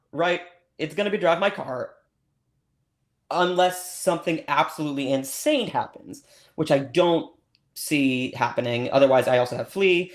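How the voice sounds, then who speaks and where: A man's voice: on the high side, natural voice. A man playing a scatterbrained, over-eager host of an awards-predictions livestream, who rambles and gushes with lots of ums and restarts.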